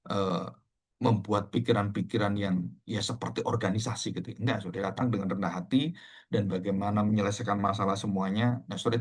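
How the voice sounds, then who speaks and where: Brief: middle-aged pastor, husky voice, chatty sermon that keeps turning to the congregation. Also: male voice, lowish voice. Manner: conversational, addresses listeners as "saudara".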